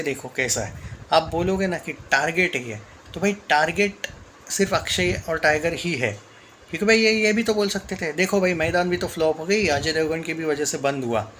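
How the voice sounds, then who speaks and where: A man's voice: on the high side, a bit bright. A man giving heated, emphatic film commentary straight to his viewers, with light noise in the background. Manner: heated, emphatic, repeatedly addressing viewers as brother. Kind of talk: casual opinionated commentary.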